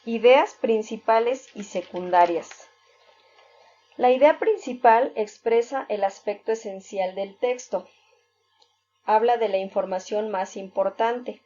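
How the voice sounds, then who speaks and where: A woman teacher walks through a lesson at a slow, unhurried pace, explaining patiently step by step with worked examples. The recording is dull and lo-fi. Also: mid-range voice, dark tone. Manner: fills pauses with "este". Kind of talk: recorded reading-skills lesson.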